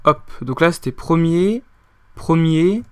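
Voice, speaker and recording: Frustrated man yelling over a game. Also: a little high, expressive, slow pace, smooth, dry recording, studio quality. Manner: frustrated, swears and yelps at failures, mutters repeated phrases. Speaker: YouTuber playing a platform game. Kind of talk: let's play commentary.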